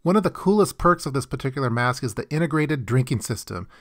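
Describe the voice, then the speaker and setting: A man with a mid-pitched voice narrates a product review. His delivery is scripted and explanatory, kept informal as he goes through the details. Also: lively intonation, fast talker, fairly bright tone, no echo, clean studio sound.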